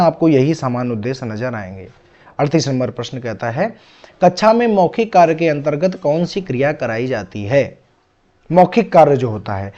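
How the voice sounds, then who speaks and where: A man teaching an exam-prep class, his voice sitting a little high for a man. He keeps asking questions and then answering them himself, patiently walking through each point. The recording sounds dull and lo-fi. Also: mellow.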